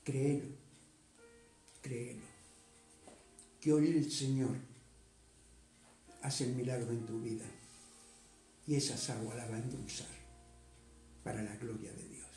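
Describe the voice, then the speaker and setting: A man, a pastor preaching a sermon, reading scripture slowly and then urging his congregation with rising force. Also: mid-range voice, steady tone, dark tone, reverberant, soft background music.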